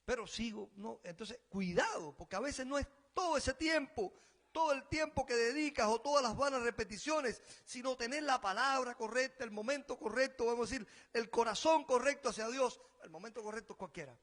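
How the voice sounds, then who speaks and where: A Cuban man with a Cuban Spanish accent preaching a sermon as pastor, rising loud on key phrases and then dropping quiet. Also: very high voice, a little fast. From Cuba.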